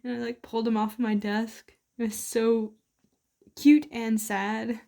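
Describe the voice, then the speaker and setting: A woman chatting casually while feeding her pet toads, coaxing them gently and telling stories with plenty of fillers. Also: fairly high pitch, little pitch movement, unhurried, vocal fry. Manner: coaxing, talks softly to her animals; chatty storytelling with frequent fillers. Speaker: toad keeper filming her pets. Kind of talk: casual vlog chat.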